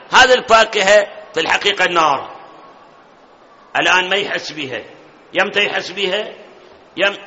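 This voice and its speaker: A preacher with a high, bright, forceful voice lectures a seated audience, pausing to quiz them and chanting verses. The recording sounds dull and lo-fi, with a long reverb trailing off the walls of a large hall. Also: male voice. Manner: questions the audience often, recites verses in a chanting tone. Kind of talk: religious lecture.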